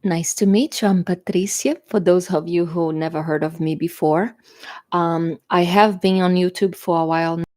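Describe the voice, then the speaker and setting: With a fairly low, steady, slightly mellow voice at a moderate pace, this Brazilian woman gives a chatty tarot reading. Portuguese is her first language, her accent is Brazilian Portuguese, and she often tags on "okay?" between fillers.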